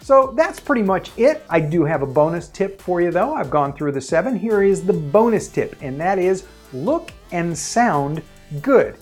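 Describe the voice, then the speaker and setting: A man presents a relaxed on-camera tutorial, speaking plainly as if chatting with a friend. He drops the odd filler as he goes, with soft music faintly behind him. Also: sits high, moderate pace. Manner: conversational and plain-spoken, with occasional fillers. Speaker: video presenter giving tips. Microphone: self-recorded on his own camera.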